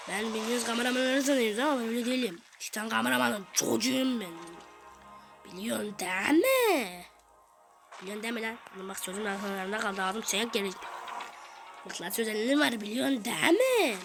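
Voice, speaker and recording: A woman voicing a brash, hot-tempered, camera-headed fighter in a profane cartoon fan dub, swearing and taunting. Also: a little high. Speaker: fan dubber voicing all characters. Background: background music.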